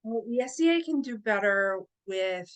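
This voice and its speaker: A woman chatting as a podcast guest, telling stories in a hesitant way with frequent pauses and fillers. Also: a little high, animated, clear, resonant tone, poor audio. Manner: hesitant, with many fillers and restarts. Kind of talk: casual interview chat.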